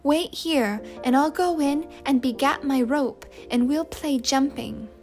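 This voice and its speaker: Storybook child: a woman doing a proud, stubborn little girl, high and loud, a touch slow. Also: soft background music. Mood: insistent. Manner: indignant, then passionate and shouting. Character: Francie, a lonely, proud, stubborn young girl.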